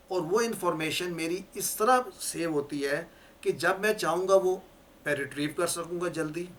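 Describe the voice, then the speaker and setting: A man's voice: on the high side, fairly bright tone. A male teacher giving a classroom lecture, explaining each point step by step and repeating key words for his learners.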